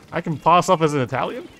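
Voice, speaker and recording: This English streamer keeps up easygoing chat with his audience as he plays, answering questions and tossing out "dude" often. His voice is a little high and a bit bright with some vocal fry, over slight background noise.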